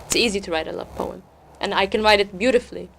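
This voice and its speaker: This poet, appearing as an interview guest, talks quickly in a mid-range voice that is husky, a bit bright, and touched with vocal fry. She is expressive and repeats words for weight, moving between interview talk and spoken-word poetry recital.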